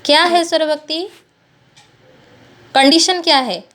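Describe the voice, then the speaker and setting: A woman giving an online Sanskrit class, explaining slowly and repeating terms. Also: high-pitched, a bit bright. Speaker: Sanskrit lecturer.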